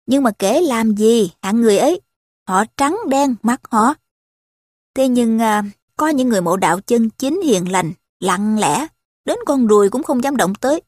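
A woman's voice: fairly high pitch, a little mellow, no room sound, clean studio sound. A woman voicing a wheedling male slave trader. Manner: persuasive, coaxing sales talk. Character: smooth-talking adult male slave trader.

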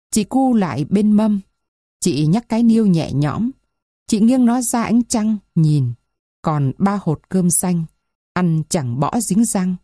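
A woman narrating a village story in a measured, expressive reading. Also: fairly low pitch, no room sound, clean studio sound.

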